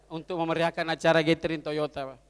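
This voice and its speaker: Speaking quickly and smoothly, a male comedian tells stand-up jokes to a corporate crowd with a bright, high voice. His storytelling is lively, and his character voices swing from hushed to shouted. Every line echoes through the hall's long reverb.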